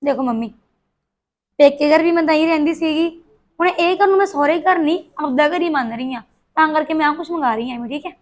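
A woman playing a sharp-tongued young bride. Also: sits high, fast talker, lightly acted. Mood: insistent. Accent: Punjabi. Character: defiant, spoiled young newlywed woman. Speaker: new daughter-in-law. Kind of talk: short-film acting.

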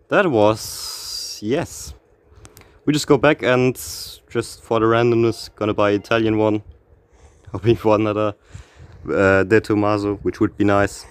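A man giving casual, excitable commentary on opening car packs in a racing game, reading out car names and laughing often, a little out of breath. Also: fairly low pitch, dry recording. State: slightly out of breath. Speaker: gaming YouTuber.

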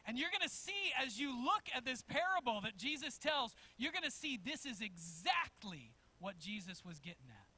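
A man preaching a sermon as pastor in a church, telling a story in an animated way and chuckling as he goes. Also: very high voice, normal speed, hardly any pauses, breathy edge. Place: church sanctuary.

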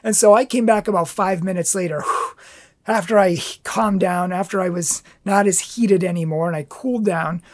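Husky-voiced man giving an impassioned testimony. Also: high voice, moderate pace. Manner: earnest, impassioned storytelling. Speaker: pro-life speaker. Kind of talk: inspirational testimony talk.

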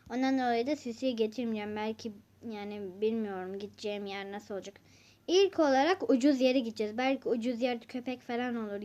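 A woman's voice: on the high side, a little mellow. A woman vlogger narrating a game casually and chatting directly to her viewers. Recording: dull lo-fi recording.

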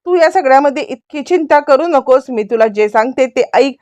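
A woman reading as a calm, soothing mother-in-law. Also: high voice, moderate pace, dry recording. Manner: soothing, dismissive of worries.

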